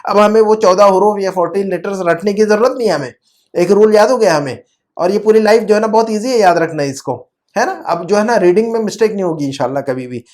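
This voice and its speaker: In an online class, an Arabic teacher with a medium-pitched, somewhat dark voice explains pronunciation. He patiently repeats words, often checks that the student understands, and mixes in English terms.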